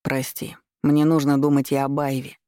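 A woman doing a soft-spoken pleading husband. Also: rumbling low, flat delivery, normal speed, no echo, clean studio sound. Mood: placating. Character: adult man, husband, calm and pleading.

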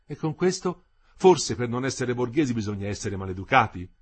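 A man voicing Ersilia, a young wife who reproaches her husband in a sharp, scolding way. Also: mid-range voice, big pitch swings, fairly quick, husky, pitched above the performer's own voice. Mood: reproachful.

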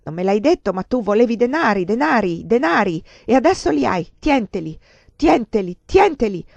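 A woman reading aloud, voicing a ruined, desperate man who shouts bitter accusations. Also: medium pitch, lively intonation, moderate pace, no room sound, lightly acted. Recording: dull lo-fi dry recording.

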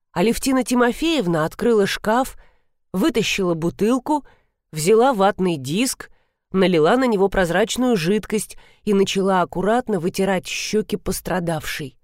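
A woman reading a first-person story aloud in a measured, even storytelling manner. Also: medium pitch, no echo, studio quality. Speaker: audiobook narrator. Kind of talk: first-person scripted narration.

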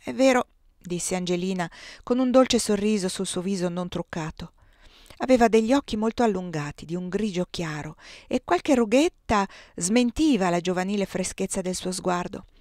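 A woman reading a novel aloud in soft, measured narration. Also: lowish voice, no echo, clean studio sound. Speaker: reader. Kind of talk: literary audiobook reading.

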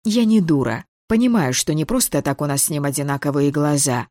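An audiobook reader giving steady, measured first-person fantasy narration. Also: mid-range voice, no echo, clean studio sound.

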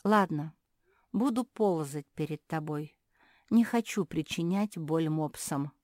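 A woman voicing a kind, gentle female singer who speaks calmly and soothingly to a friend in a children's storybook. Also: low voice, slow, no room sound, clean studio sound. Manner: soft, calm, soothing.

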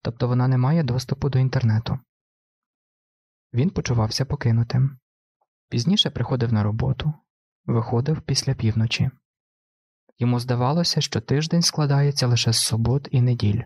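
A man reading a literary audiobook in a steady, unhurried narration. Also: mid-range voice, husky, no echo, studio quality. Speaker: audiobook reader.

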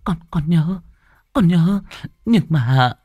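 A man's voice: on the high side, expressive, slow, dark tone, no echo, clean studio sound, pitched above the performer's own voice. A man voicing a frightened teenage village girl who stammers and sobs as she speaks. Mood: stammering tearful. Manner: stammering, sobbing.

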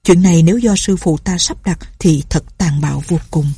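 A woman voicing the inner thoughts of an anxious, loyal young male swordsman in a martial arts audiobook, read low and steady. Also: normal speed, husky, dry recording, clean studio sound. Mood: worried.

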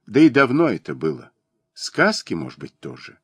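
A jealous, devoted young peasant woman, as a male reader puts her on, pleading and reproachful. The voice sits fairly low and swings widely in pitch. The recording is close and dry, with no room sound. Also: wildly swooping pitch, normal speed, fairly bright tone, breathy edge, dry recording, exaggerated voice.

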